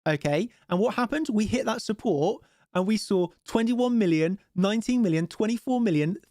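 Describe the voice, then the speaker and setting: Hosting a live trading stream with a cold and a stuffy nose, this man chats casually over the charts and urges viewers to hit like. He sounds high-pitched and animated, with a darkish tone and a moderate pace. There's no room sound, just clean studio audio.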